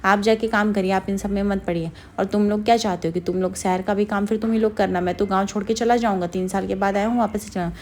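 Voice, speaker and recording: A woman's voice: medium pitch, fairly even intonation, fast, hardly any pauses, darkish tone, a little hiss or hum, lightly acted. A woman reading the lines of a brash, defiant village man in her own voice, blunt and scolding.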